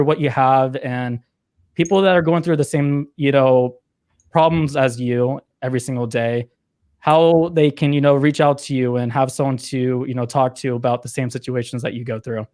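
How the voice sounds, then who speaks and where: A man hosting a podcast, speaking earnestly and haltingly as he sets up a question for his guest. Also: medium pitch, a little mellow. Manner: halting, earnest, many fillers and restarts. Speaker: podcast host. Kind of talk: conversational interview.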